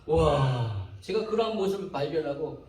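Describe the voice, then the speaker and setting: A man preaching a sermon as pastor, animated, acting out people's complaints in quoted voices. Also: a little high, moderate pace, reverberant, far from the mic, slight background noise, rough recording.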